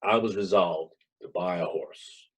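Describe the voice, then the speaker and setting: A man playing a wry, pompous humorist lecturer in a hammy, dramatic theatrical reading, with a husky voice. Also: low voice, unhurried, pitched below the performer's own voice. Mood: wry storytelling. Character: Mark Twain, wry pompous male humorist lecturer spinning tall tales.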